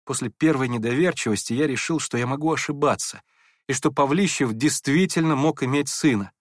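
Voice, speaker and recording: A man's voice: mid-range voice, a little fast, no echo, studio quality, lightly acted. A man voicing a meek, kind young prince who speaks hurriedly and apologetically. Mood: earnest. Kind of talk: audiobook character voice.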